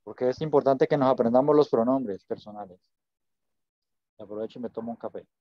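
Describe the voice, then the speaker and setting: A man's voice: mid-range voice, fairly quick, no room sound, lo-fi sound. A man teaching an online Spanish class, patient and encouraging, repeating words so students can drill them.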